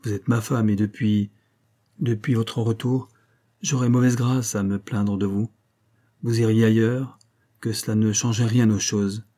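A man's voice: lowish voice, little pitch movement, a little slow, warm tone. A man playing a stern, tormented young husband. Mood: strained. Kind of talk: audiobook character voice.

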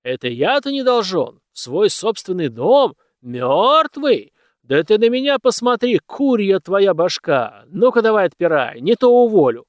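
A man voicing a domineering dead old industrialist master who bellows gruff commands. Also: high voice, very animated, measured pace, no room sound, clean studio sound, voice pushed up. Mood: angry, bellowing.

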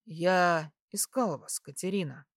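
A confident young prince with a lowered, intimate voice, as a woman reader puts him on for a storybook. He talks slowly, lingering on each phrase. The sound is close and dry. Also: dry recording. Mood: earnest. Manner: slow, lowered, intimate delivery.

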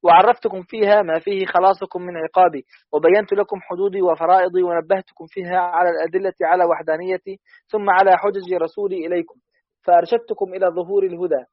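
A man with a high voice reads a classical text aloud at a fast clip, steady and even. The sound is dry and dull, like lo-fi audio. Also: no room sound. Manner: quick, steady recitation. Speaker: student reader.

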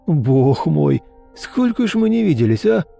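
A man reading the part of a balding, gray-haired male doctor who talks in a hurried, excited but precise way. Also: a little high, creaky, faint music behind, pitched above the performer's own voice, heavily acted.

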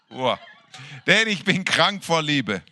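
A man with a high, bright voice leads worship, reading scripture slowly and ecstatically, drawing out each phrase and calling out hallelujahs between lines. He sounds fervent and exultant, and the recording is dry and close. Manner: fervent, exclaiming hallelujahs, laughing between verses; slow, drawn-out delivery. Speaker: worship leader.

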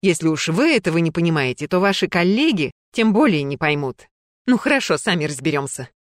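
A woman's voice: on the low side, big pitch swings, a little fast, dry recording, clean studio sound. A woman reading a story, voicing an elderly female museum keeper who speaks in a stately, commanding way.

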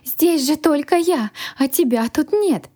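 A woman voicing an excitable young male dragon who squeals with eager delight. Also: sits high, measured pace, dry recording, studio quality, voice pushed up. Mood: puzzled.

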